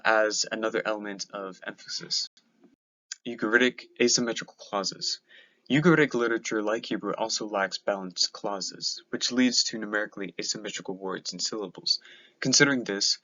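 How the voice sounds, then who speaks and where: A man's voice: lowish voice, fairly bright tone. A young man giving a lesson on biblical poetry, reading out points and then explaining them with frequent ums and restarts. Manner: hesitant, many ums and restarts when explaining. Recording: slightly dull, lo-fi sound.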